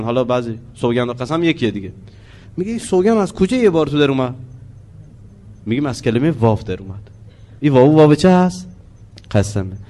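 In a mellow, mid-range voice, a man leads a Quran lesson, explaining things slowly. He also asks his listeners questions and recites Arabic verses in a drawn-out chant.

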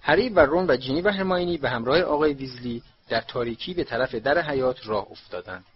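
A man narrating a storybook in a measured storytelling manner. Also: mid-range voice, a little hiss or hum. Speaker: audiobook narrator. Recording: dull lo-fi recording.

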